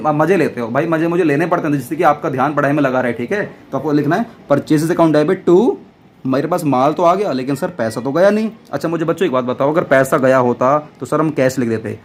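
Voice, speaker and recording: A man teaches an accounts lesson at full volume, his voice pitched a little high. He jokes around and fires questions, then answers them in a mock student's voice. A faint hiss sits under the recording. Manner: loud, almost shouting while teaching. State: dry throat. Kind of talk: classroom lecture.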